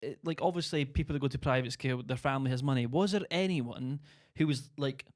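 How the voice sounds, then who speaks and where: A man's voice: medium pitch, fast talker, darkish tone. A man hosting a podcast, asking questions in a joking, laughing manner. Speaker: podcast host. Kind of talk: casual podcast chat.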